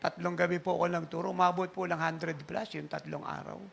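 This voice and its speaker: A man preaching a sermon in church, telling a story in an animated way and chuckling at it. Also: fairly high pitch, a little fast, gravelly, background noise. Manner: animated anecdotal preaching, laughing at his own story. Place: church service.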